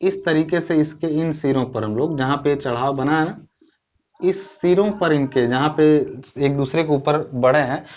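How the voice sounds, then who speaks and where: A man's voice: fairly high pitch, moderate pace, darkish tone, lo-fi sound. A man teaching a recorded online lecture, explaining step by step, asking his own questions and answering them, and often checking in with short tag phrases. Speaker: civil engineering teacher.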